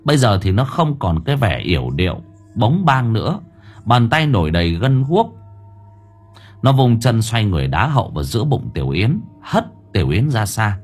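A man narrating a horror audiobook with expressive, dramatic storytelling. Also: on the low side, moderate pace, slightly rough, soft background music. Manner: expressive storytelling with vivid sound words.

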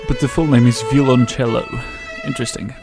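A man whose first language is Portuguese hosts a casual radio show, rambling hesitantly and often repeating words. His mid-range voice is fairly even in intonation and a little fast. Loud classical viola and piano music plays under his commentary.

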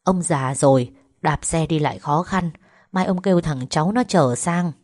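Old village herb doctor, gruff but kind, lowish voice; woman reads him. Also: normal speed, darkish tone, no echo, studio quality. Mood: gruff kindly. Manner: blunt, grandfatherly.

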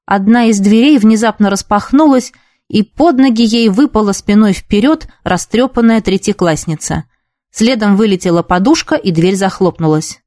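A woman's voice: medium pitch, normal speed, dry recording, clean studio sound. Woman reading a book aloud. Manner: lively, voices the characters. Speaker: audiobook reader. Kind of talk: expressive book narration.

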